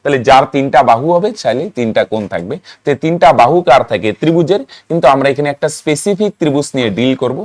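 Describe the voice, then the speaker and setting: A man's voice: mid-range voice, animated, fast, hardly any pauses, a little mellow, no echo, clean studio sound. A man teaching a math lesson, often asking students questions and chanting rhyming memory aids. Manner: rhythmic mnemonic chanting, asks students questions. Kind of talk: classroom lesson.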